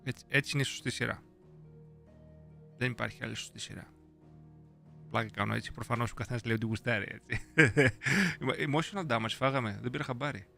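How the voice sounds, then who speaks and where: A man's voice: mid-range voice, creaky, long pauses, pushed and bright. A young man hosting a casual live stream, playful and slangy, chatting with viewers and reading their messages aloud. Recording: faint music behind.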